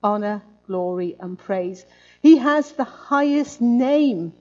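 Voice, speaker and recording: Woman, sermon, chatty tag questions, mellow voice, dull lo-fi recording. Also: fairly high pitch, expressive, slow pace. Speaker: preacher.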